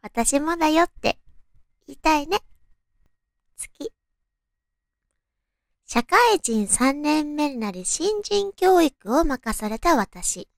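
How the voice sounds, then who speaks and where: A woman with a very high, cute anime-girl voice hosts a radio show. Her delivery is girlish and animated, with pitch that moves around a lot. The sound is dry and close, as she talks sweetly to listeners. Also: dry recording. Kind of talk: soft-hearted radio talk and read-out listener love stories.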